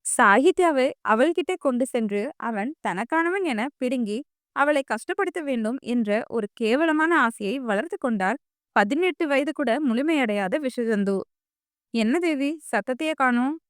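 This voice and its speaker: Clear-voiced woman narrating a novel. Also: on the high side, moderate pace, dry recording, clean studio sound. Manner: even storytelling. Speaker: audiobook narrator.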